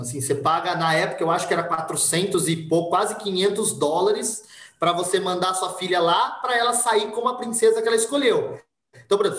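Brazilian guy telling stories on a podcast, acts out the voices, echoey room. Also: high-pitched. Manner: animated, acts out voices in anecdotes. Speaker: podcast guest. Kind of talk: casual storytelling chat.

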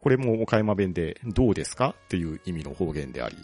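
A man co-hosting a podcast, explaining a topic calmly and methodically. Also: low-pitched, fast talker, husky, no echo, soft background music. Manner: explains at length, calm and methodical. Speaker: podcast co-host presenting a local hero. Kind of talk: casual chat.

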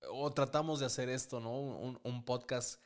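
A man's voice: mid-range voice, moderate pace, smooth. A man with a Mexican accent hosting a podcast in casual chat, with frequent repeated words and a questioning "right?" tag. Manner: relaxed, repeats words, tags "¿no?". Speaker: podcast host.

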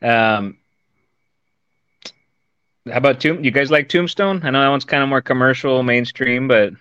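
A male podcast host with a smooth, clean voice keeps things relaxed and easygoing with his guests. His recording sounds dry and close, with a slightly dull, muffled top end. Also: medium pitch, moderate pace, no echo. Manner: laid-back, friendly "man" and "dude". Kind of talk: casual interview chat.

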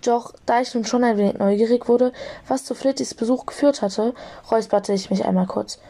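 A young woman narrating a fan audiobook in a lively storytelling manner. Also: a little high, brisk.

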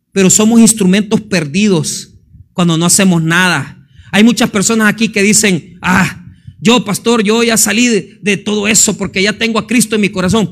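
A male pastor giving a fervent sermon, firing questions at the congregation and swinging between booming and hushed delivery. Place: church.

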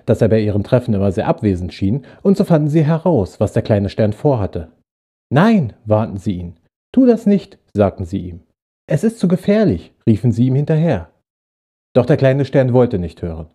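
A man hosting a short-story podcast, narrating a Christmas tale in a gentle, friendly way. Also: medium pitch. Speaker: podcast host reading short stories.

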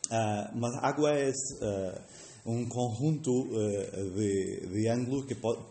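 Male guest speaker, native Portuguese with clear Portuguese accent, halting delivery, mellow tone, roomy sound. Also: medium pitch. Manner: halting, searching for words. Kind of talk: short public speech in Spanish mixed with Portuguese. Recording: echoey room with faint noise.

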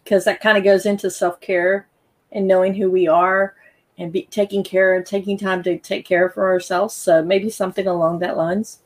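A woman's voice: mid-range voice, level tone, moderate pace. Woman hosting a casual interview. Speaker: show host.

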